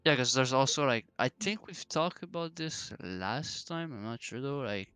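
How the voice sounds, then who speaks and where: A man's voice: mid-range voice, lively intonation, normal speed, bright, forceful tone, smooth, dry recording, soft background music. A man player in a tabletop game, easygoing and rambling as he checks the rules. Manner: easygoing, rambling, lots of fillers. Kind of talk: casual tabletop game chat.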